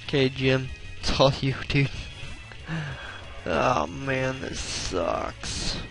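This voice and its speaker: A young man commenting on his own gameplay, excitable and profane, groaning and exclaiming at every setback. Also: medium pitch, very slow, gravelly, soft background music.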